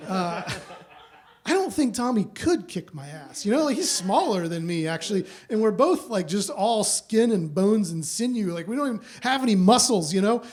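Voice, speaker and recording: On stage in a small theater, a man hosts a live storytelling show, rambling casually with many fillers. His voice is high-pitched with a darkish tone.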